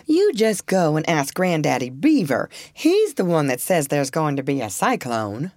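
A woman's voice: deep voice, sing-song, unhurried, darkish tone, no room sound, studio quality, heavily acted. A woman voicing a lazy, teasing male beaver in a storybook reading.

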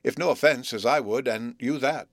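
A man reading aloud and voicing a humble, awkward country blacksmith who talks in a rustic dialect, earnest and halting. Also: medium pitch, dry recording, lightly acted.

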